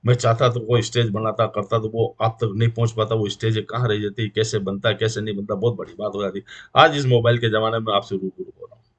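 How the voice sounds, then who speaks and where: A man's voice: lowish voice, steady tone, fast talker. A middle-aged man with a Rajasthani Hindi accent, making an earnest moral appeal to the community as a guest speaker, preaching in rhythmic repeated lists. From India.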